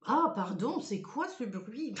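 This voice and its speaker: A woman's voice: on the high side, very animated, takes it slowly. Chatty woman with an echoey, roomy sound. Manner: chatty, hesitant, many fillers. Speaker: ritual practice vlogger. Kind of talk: casual spoken tutorial.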